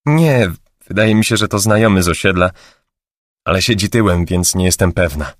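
A man's voice: deep voice, normal speed, no room sound, studio quality, lightly acted. A man voicing a curious young woman who chats casually while feigning innocence in an audiobook. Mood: coy, chatty.

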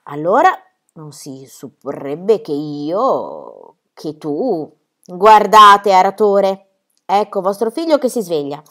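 Young peasant girl, as a woman reads her, gentle, wise, coaxing, lively melody, storybook reading. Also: lowish voice, slow, exaggerated voice. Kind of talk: audiobook reading.

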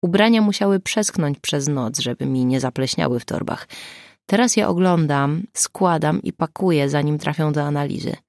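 A woman voicing a grumpy, sarcastic older male forensic pathologist in an audiobook, talking in a gruff grumble. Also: low voice, normal speed, darkish tone, dry recording, studio quality. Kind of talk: audiobook character voice.

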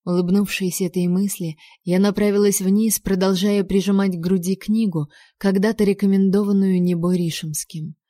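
A woman narrating a first-person audiobook in a measured, expressive storytelling manner. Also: mid-range voice, no echo, studio quality.

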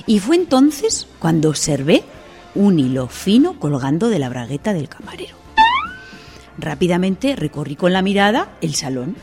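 Woman, comic storyteller, lively pitch, chatty asides, faint music behind. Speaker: storyteller in a radio sketch.

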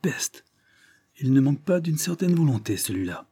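Fussy, exclamatory country lawyer, read by a man, dark husky voice, Victorian audiobook. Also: mid-range voice, sing-song, moderate pace, pitched above the performer's own voice. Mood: fretful.

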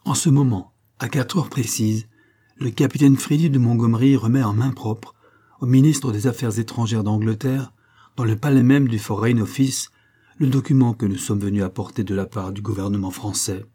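A man's voice: medium pitch, normal speed, warm tone, breathy edge, close to an everyday voice. A man voicing a heroic French army captain who is proud and out of breath, defiant under torture.

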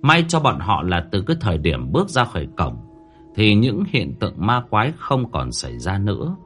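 Man, horror story narration, dramatic, lowish voice, very animated pitch. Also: faint music behind. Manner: dramatic, slowing at tense moments.

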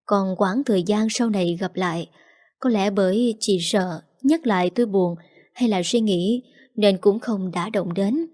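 A woman narrating a first-person story in an emotional, measured reading. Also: medium pitch, dark tone. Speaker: audiobook narrator.

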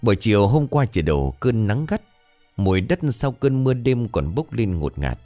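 Low-voiced man narrating a horror tale. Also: normal speed, no echo, faint music behind. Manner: dramatic, expressive reading. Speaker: storyteller. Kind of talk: scripted horror story narration.

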